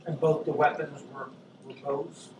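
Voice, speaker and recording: A man with a somewhat high voice plays at a convention game table, asking short, probing questions. He is far from the mic. The room is echoey and noisy. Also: level tone, a little slow, highs cut off. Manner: inquisitive, asks short questions. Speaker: player.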